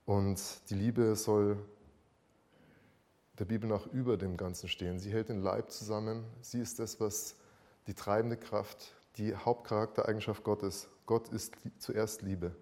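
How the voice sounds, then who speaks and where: A man's voice: fairly low pitch, little pitch movement, measured pace, mellow. Earnest man preaching. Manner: earnest, conversational, repeats key phrases. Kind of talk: sermon.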